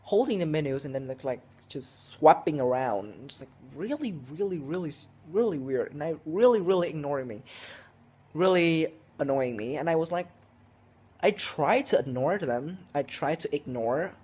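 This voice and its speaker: A man's voice: a little high, animated, normal speed, a little mellow, husky. Rambling teen boy. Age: teenager, 16. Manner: rambling, heavy with "like" and "um", frequent restarts. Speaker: vlogger. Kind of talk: casual storytelling vlog.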